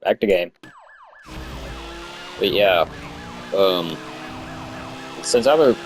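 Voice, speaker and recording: A man's voice: low-pitched, expressive, extremely slow. A young man giving casual gameplay commentary in a stoned, rambling, easily sidetracked way, swearing freely. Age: young adult. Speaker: gamer recording commentary.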